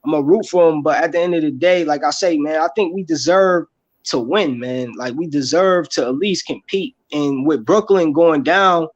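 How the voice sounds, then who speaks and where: Man, about thirty, from upstate New York, high voice, frustrated podcast chat, says "bro" a lot. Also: moderate pace, dull audio. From Rochester, New York. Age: 30s. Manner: frustrated, repeats "bro" often. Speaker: podcast panelist.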